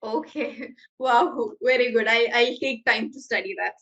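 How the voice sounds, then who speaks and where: A woman's voice: on the high side, extremely slow, fairly bright tone, poor audio. A woman with a Malayali accent teaching an online English class over a video call, mixing English and Malayalam with frequent hesitations. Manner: switches between English and Malayalam, hesitant fillers.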